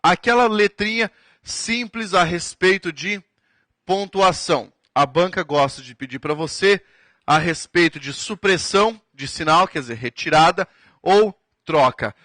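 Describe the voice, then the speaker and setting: Bright-voiced Brazilian man teaching grammar. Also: on the high side, lively intonation, no room sound. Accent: Brazilian Portuguese. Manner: drawn-out emphatic words, frequent "tá?" check-ins, writing on a board. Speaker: exam prep teacher. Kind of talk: recorded grammar lecture.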